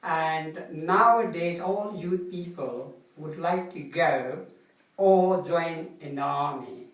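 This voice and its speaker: Older nepali guy talking real slow and polite, lots of ums, sounds far from the mic in an echoey room. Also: a little high. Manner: slow, polite, halting, with many fillers. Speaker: guest, retired Gurkha soldier. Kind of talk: interview answers.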